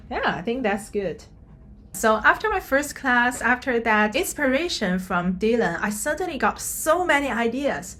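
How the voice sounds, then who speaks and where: A woman casually telling a personal story as a vlogger, often halting as she searches for her words. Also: a little high, a bit bright. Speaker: software engineer.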